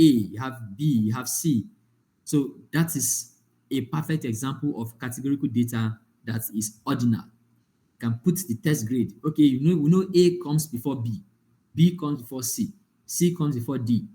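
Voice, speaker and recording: Man teaching with a mellow voice. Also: mid-range voice. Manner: explains with examples, often checks the class understands. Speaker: data analytics instructor. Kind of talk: live online lecture. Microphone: online call.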